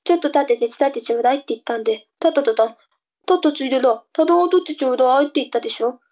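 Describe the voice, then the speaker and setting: A woman's voice: high voice, very fast, darkish tone, close to an everyday voice. A woman voicing a cheeky, sulky younger sister in a comic tongue-twister reading drama, with a cute anime-girl delivery.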